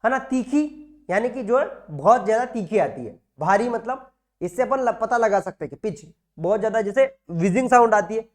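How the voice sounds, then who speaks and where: A man's voice: high-pitched, animated, moderate pace. A man teaching nursing exam material in a classroom lecture style, repeating key words and asking and answering his own questions.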